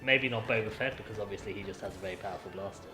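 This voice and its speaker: A man playing a video game while chatting casually as co-host, excitable with sudden high yelps and laughs. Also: very fast, over music. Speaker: gameplay co-host and player. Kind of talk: casual gameplay commentary. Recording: echoey room with background noise.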